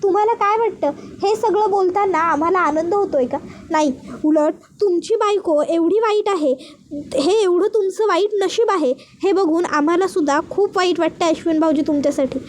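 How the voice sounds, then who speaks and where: A woman's voice: very high-pitched, normal speed, slight background noise. A woman voicing a young married woman, a blunt and insistent sister-in-law, in an earnest, pleading reading voice.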